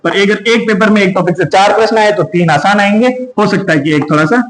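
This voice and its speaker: High-voiced maths teacher, echoey room. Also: male voice, brisk. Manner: works through sums step by step, asking and answering himself. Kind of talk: exam-prep maths lesson.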